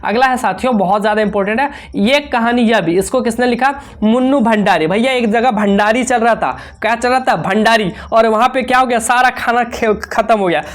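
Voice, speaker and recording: A woman teaching an exam revision lesson, firing off questions and answers and repeating key points with playful memory tricks. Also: fairly high pitch. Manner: rapid question-and-answer drilling, constantly addressing students.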